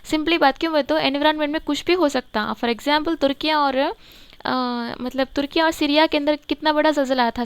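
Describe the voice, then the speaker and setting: Lady teacher, high clear voice, repeats stuff so you remember it, dry close sound. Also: no echo. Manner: explains slowly, repeats key words for memory. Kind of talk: exam-prep current affairs lesson.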